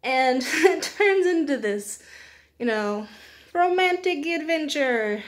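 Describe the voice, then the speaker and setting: A young woman with a high-pitched, animated voice speaks slowly as a video host reviewing books. She chats casually, rambling in an informal, self-deprecating way punctuated by small laughs.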